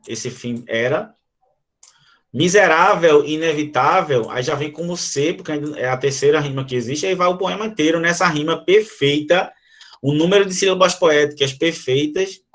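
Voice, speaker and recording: A Brazilian man teaching a literature class, explaining a sonnet and reading its verses aloud to his students. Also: fairly high pitch. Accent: Brazilian Portuguese. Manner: animated, addresses students directly, reads verses aloud. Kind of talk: online class explaining a poem.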